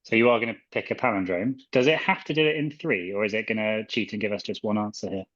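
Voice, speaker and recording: A man's voice: fairly low pitch, fast talker, a bit bright. A man hosting a casual chat, joking and playful with his guests. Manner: playful, joking and laughing along. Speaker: host. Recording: dull lo-fi sound.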